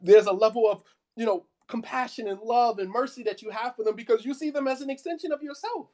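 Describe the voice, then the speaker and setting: Here the American man teaching Islamic studies has an extremely high, mellow voice and a quick pace. His talk is impassioned and emphatic, full of repetition and questions checking that you follow, with "you know what I mean" peppered throughout.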